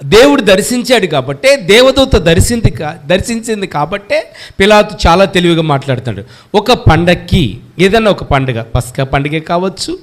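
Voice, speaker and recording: A man's voice: high-pitched, big pitch swings, normal speed. A male pastor giving a Good Friday sermon in an emphatic preaching manner, firing questions at the congregation and urging them to answer aloud.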